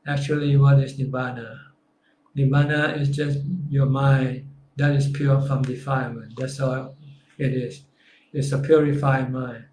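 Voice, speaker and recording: A man, a Buddhist monk teacher answering questions in a live session in a calm, simple, plain-spoken way. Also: medium pitch, unhurried, slight background noise. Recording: echoey room.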